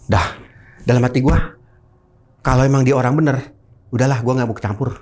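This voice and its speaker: A man's voice: medium pitch, normal speed. A middle-aged man telling a personal ghost story in a casual chat, acting out the sounds with his voice. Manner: animated, mimics sounds with his voice.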